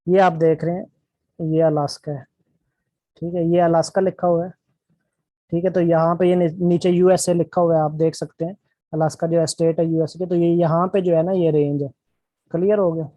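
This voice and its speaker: Man lecturing a class, warm mellow tone, dry close sound, patient and repetitive. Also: a little high, little pitch movement, no echo. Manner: explains slowly with constant check-ins and repetition. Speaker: teacher.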